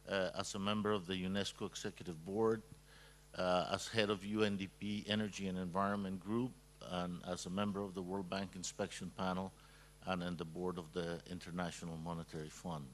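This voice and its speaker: A man with a very deep voice introduces himself to a panel, pausing often on fillers. A faint hum sits under the recording. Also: little pitch movement. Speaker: panel member, economist. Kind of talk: formal self-introduction at a ministerial meeting.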